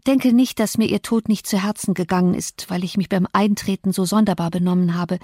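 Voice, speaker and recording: A woman's voice: steady tone, brisk, a little mellow, no room sound, studio quality, close to an everyday voice. Woman voicing a breathless, bitter young woman. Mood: bitter agitated. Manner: breathless, agitated, higher pitched.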